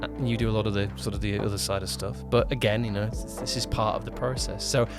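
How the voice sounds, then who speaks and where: Over music, a podcast co-host and producer speaks quickly in a fairly low voice with fairly even intonation. His casual chat about a production rambles, and he keeps correcting himself partway through sentences.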